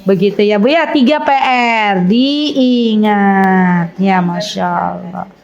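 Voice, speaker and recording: A woman teaching a women's study group, chatty and lively, acting out little dialogues. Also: medium pitch, unhurried, creaky, muffled recording. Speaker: religious teacher. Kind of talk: casual religious lesson to women. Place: women's study gathering room.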